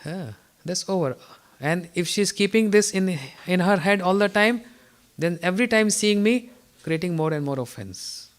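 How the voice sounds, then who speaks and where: Man, spiritual teacher, morning lecture, somewhat high voice, chatty anecdotes. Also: normal speed. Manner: storytelling with frequent throat clearing and chuckles.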